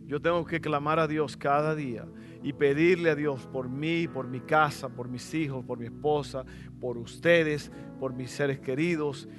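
A middle-aged man preaching a sermon as pastor in a church, fervent and rising to loud exclamations. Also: a little high, steady tone, a little slow, music in the background. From Latin America.

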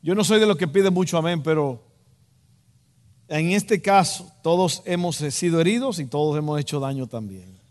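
Long hall reverb surrounds this Dominican preacher, who speaks with a Dominican Spanish accent at normal speed in a slightly high voice. Addressing his congregation, he's emphatic and direct and repeats key phrases for emphasis.

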